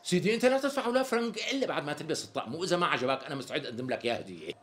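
An actor with a Syrian accent playing a flattering tailor who talks around the price in flowery sales patter. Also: male voice, fairly high pitch, racing. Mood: coaxing. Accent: Syrian Arabic. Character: smooth-talking flattering tailor who dodges naming a price. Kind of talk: TV sketch comedy acting.

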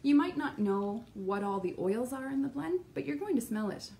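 A woman's voice: fairly high pitch, normal speed. A woman aromatherapist giving a casual, playful explainer to camera from indoors at her shop, with her dogs beside her. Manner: chatty, playful, lively explaining. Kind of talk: casual educational talk to camera.

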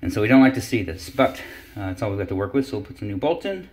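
A man's voice: lowish voice, animated, quick pace, noisy background. A middle-aged man working as a plumber, casually explaining a job step by step with plenty of fillers, recorded on a handheld phone in a bathroom. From California. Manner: practical, explanatory, many fillers. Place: indoor bathroom.

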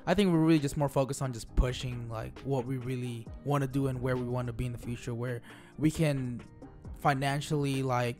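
A man in his late twenties co-hosting a casual Q&A video with his partner, talking in a relaxed, joking way with lots of fillers. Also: medium pitch, fairly quick, over music. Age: 20s. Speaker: co-host of a couple's channel. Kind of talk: casual Q&A chat. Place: small home studio room. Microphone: studio microphone on a stand, close.

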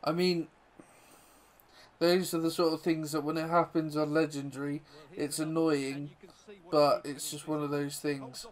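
A man giving chatty live commentary over his own football video game, self-deprecating and bursting into excitement at goals. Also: fairly high pitch, unhurried. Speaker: gaming YouTuber.

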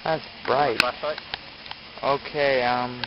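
A young man filming a video diary of a camping trip, with a relaxed, halting manner and many ums and uhs. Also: mid-range voice, dull audio, over loud music. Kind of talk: casual handheld video diary. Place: car, store, campsite outdoors, tent at night. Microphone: camera held at arm's length. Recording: noisy handheld camcorder audio.

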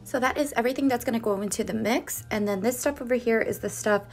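Casual home-baking host, woman, higher voice, light music under the narration. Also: fast talker, breathy edge. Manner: chatty, walks through steps one by one. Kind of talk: casual cooking voice-over. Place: home kitchen.

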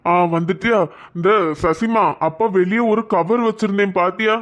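Someone voicing a gentle consoling cartoon dad. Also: moderate pace, close to an everyday voice. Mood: casual. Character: loving father leaving abroad, tender. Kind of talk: animated cartoon dialogue. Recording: pitch-modulated with audio tools.

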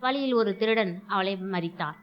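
Reading a folk tale on her storytelling show, this female host raises her voice to perform the characters' lines. She speaks at a moderate pace with medium pitch and an expressive, clean tone, though the audio sounds dull.

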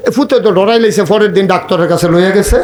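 A male preacher, telling a humorous village sermon with acted dialogue and sudden high shouts. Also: quick pace.

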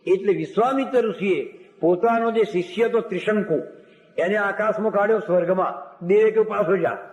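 A high-voiced male storyteller preaching a devotional sermon. He narrates old legends, slips into the characters' voices and sings short verses. His voice rings out in a roomy hall with a long echo. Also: moderate pace. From Gujarat, India. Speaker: religious storyteller. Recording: echoey hall recording.

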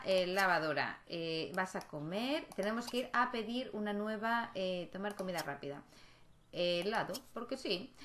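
A woman's voice: medium pitch, fairly bright tone, a little hiss or hum. A woman giving casual let's-play commentary, chatting to her game characters and checking in with viewers. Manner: chatty, talks to her game characters, frequent tag questions. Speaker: gaming YouTuber.

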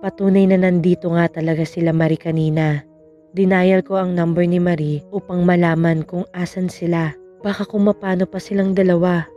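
A woman reading a scripted horror story in a calm, measured first-person telling. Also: lowish voice, muffled recording, soft background music. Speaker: story narrator.

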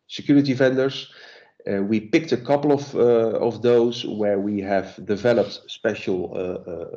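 A man giving a relaxed sales presentation in a webinar over a video call, with many fillers and restarts. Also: fairly low pitch, lo-fi sound.

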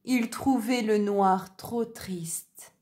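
A woman reading a children's story aloud in a gentle, deliberate way. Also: medium pitch.

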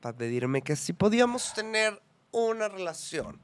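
A man's voice: high-pitched, sing-song, a little slow. Playful young Mexican man telling stories. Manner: playful, camp, dramatic storyteller. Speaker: podcast guest. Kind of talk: casual storytelling chat.

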